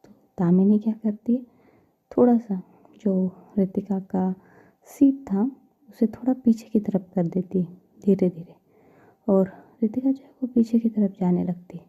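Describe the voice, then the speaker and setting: A woman storyteller narrating a romance story in a soft, often half-whispered way. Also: medium pitch, measured pace, husky, narrow, tinny audio.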